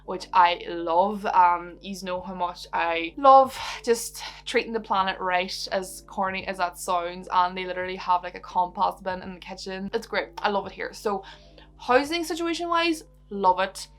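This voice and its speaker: A woman's voice: medium pitch, moderate pace. Bubbly young Irish woman chatting. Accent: Irish, Donegal. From Ireland. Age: young adult. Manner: bubbly, giggly, sweary, rambling. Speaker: YouTuber answering viewer questions. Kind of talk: casual chatty Q&A vlog.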